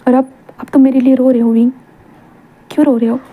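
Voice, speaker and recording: Woman voicing a reserved young male bodyguard, steady and earnest, husky high tone. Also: a little fast. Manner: steady, earnest, plain delivery.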